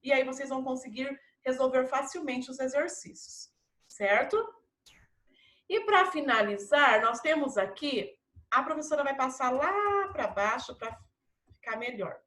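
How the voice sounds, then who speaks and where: A woman teaching a primary school lesson in a Brazilian Portuguese accent, patiently drawing out each example word slowly. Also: sits high, animated, a bit bright, echoey room. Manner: slow, drawn-out pronunciation of example words; patient and encouraging. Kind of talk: recorded classroom lesson.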